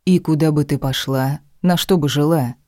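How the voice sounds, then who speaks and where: A man's voice: on the high side, steady tone, normal speed, a little mellow, dry recording, studio quality, lightly acted. A man reading an audiobook, voicing the lines of a desperate, defiant young woman who speaks sullenly and bitterly. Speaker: audiobook reader. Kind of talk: audiobook dialogue.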